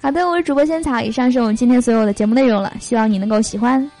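A young woman hosting a podcast, reading jokes aloud and chatting between them with lots of drawn-out fillers. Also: fairly high pitch, mellow, faint music behind. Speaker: podcast host.

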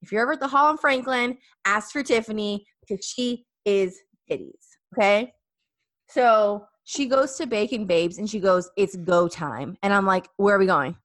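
A woman's voice: mid-range voice, normal speed, fairly bright tone, dry recording, studio quality. A young woman hosting a casual chat, telling a story animatedly with many fillers and acted-out quotes.

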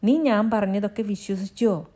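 A woman's voice: medium pitch, sing-song, moderate pace, a little mellow, voice pushed up. A woman voicing a blustering but tender-hearted village husband in a storybook reading.

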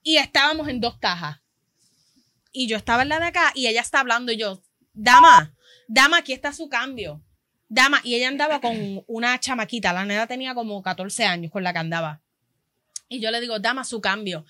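A woman with a Puerto Rican accent, co-hosting a casual chat and telling stories in an animated way, acting out the people in them. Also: fairly high pitch, fast talker, dry recording. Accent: Puerto Rican Spanish. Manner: animated storyteller acting out quoted customers. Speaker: podcast co-host.

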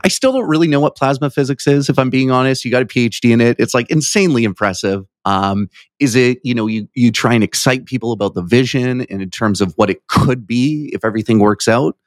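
A man's voice: medium pitch, fairly quick, no echo. A man hosting an interview in a casual, chatty way, informal and curious, with a self-deprecating streak. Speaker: interviewer, podcast host.

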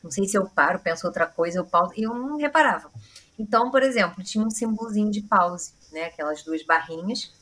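Speaking quickly with lively intonation, this Brazilian Portuguese-accented podcast host has a medium-pitched, slightly bright voice. Her talk is casual, chatty, and rambling.

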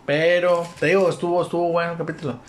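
A man's voice: a little high, flat delivery, quick pace. A young man with a Mexican Spanish accent co-hosting a casual podcast, laughing often and retelling scenes with lots of slang. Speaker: podcast co-host. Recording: roomy room with faint background noise.

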